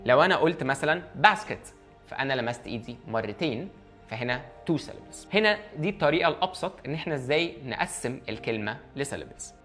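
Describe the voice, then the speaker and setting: This is an Egyptian Arabic-accented English teacher in an online lesson, moving quickly from point to point. The voice swings up and down with animation and slips English words into its explanations. Soft music plays faintly underneath. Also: medium pitch, animated. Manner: explains step by step, mixing in English terms.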